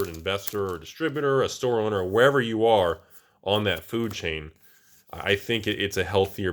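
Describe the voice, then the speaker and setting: Here the host's voice sits low, with a faint hiss or hum in the audio. Opening card packs on his channel, he gives animated, exclaiming, rambling commentary full of restarts.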